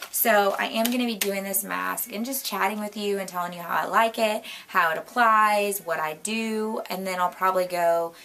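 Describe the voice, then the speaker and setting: A young woman with a hoarse, worn voice, chatting casually at home in a rambling, bubbly way with lots of asides. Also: lowish voice, bright, forceful tone. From Florida, US. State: hoarse, losing her voice. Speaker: beauty vlogger. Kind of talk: casual chat. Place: home, indoors. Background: light jazz music.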